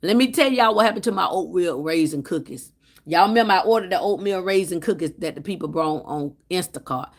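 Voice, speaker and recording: A woman's voice: on the low side, a little fast. A woman chatting casually on a phone livestream, telling stories and calling out to viewers by name. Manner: animated storytelling, calls out to viewers by name. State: tired. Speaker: livestream host. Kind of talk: casual live-stream chat.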